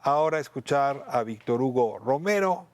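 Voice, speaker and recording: A man hosting a TV interview, attentive and quick to finish his guest's sentences. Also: mid-range voice, animated. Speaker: TV host.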